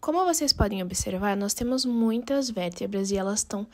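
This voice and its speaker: A woman's voice: mid-range voice, lively intonation, fairly quick. A woman with a Brazilian Portuguese accent giving an informal step-by-step lesson, repeating points and mixing Spanish terms into her Portuguese. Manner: didactic, repeats and recaps step by step. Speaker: anatomy teacher. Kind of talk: informal narrated anatomy lesson.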